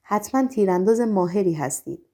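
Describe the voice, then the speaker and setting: A woman's voice: mid-range voice, expressive, dark tone. Woman reading a curious bold young heroine. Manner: inquisitive, wide-eyed.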